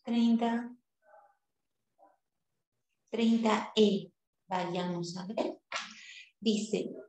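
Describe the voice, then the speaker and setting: A woman teacher, slowly counting syllables aloud and correcting exercises in a live class, affectionate with her students. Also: medium pitch, fairly even intonation, dark tone. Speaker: language teacher. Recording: roomy echo.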